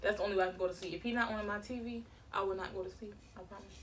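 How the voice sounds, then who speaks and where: A woman's voice: medium pitch, fairly even intonation, very fast, fairly bright tone. Woman chatting while chewing, noisy background. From Florida, United States. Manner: chewing and talking while eating; informal, addresses viewers as y'all. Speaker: mukbang host. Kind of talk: casual mukbang Q&A chat.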